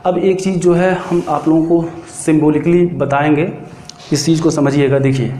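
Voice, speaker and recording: A man teaching a math lesson, explaining step by step and answering his own questions as he goes. He slows right down when he dictates formulas. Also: on the high side, warm tone. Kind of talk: classroom lecture. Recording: echoey room, faint background noise.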